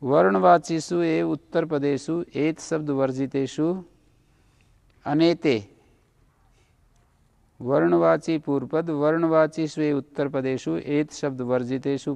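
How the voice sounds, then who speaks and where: A man with a slightly high, steady voice teaches Sanskrit grammar slowly, pausing often and showing some vocal fry. Going rule by rule, he checks whether the class understands, and his tone is a little mellow with no echo.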